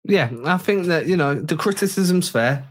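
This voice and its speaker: A man co-hosting a basketball podcast, breaking down the game with quick joking asides. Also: high-pitched, lively intonation, slight background noise. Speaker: podcast co-host. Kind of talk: casual sports chat.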